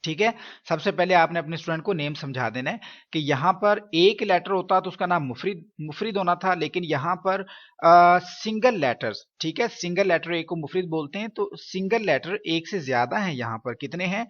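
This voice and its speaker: A man with a high, fairly bright voice teaches Quran reading to fellow teachers, and the recording has its highs cut off. He explains each step in turn, checks in often, and poses rhetorical questions.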